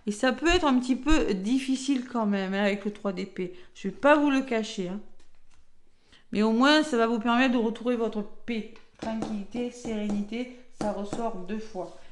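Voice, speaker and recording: A woman's voice: a little high, roomy sound, slight background noise. A woman with a French accent giving a chatty weekly tarot reading, full of fillers and tag words. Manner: chatty, filler-heavy, frequent "hein". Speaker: tarot reader.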